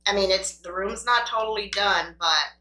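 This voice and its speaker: A woman's voice: medium pitch, moderate pace, sharp tone. A woman vlogger chatting casually and playfully to camera as she eats, talking between bites with little mm sounds. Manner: talks between bites with small appreciative mm sounds; playful self-talk, grumbling at the food. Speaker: mukbang vlogger. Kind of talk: casual chat to camera while eating. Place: room at home. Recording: roomy, echoing indoor sound.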